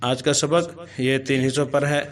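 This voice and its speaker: A man with a Pakistani accent teaching Quran reading, spelling out syllables slowly in a chanting tone. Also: medium pitch, steady tone.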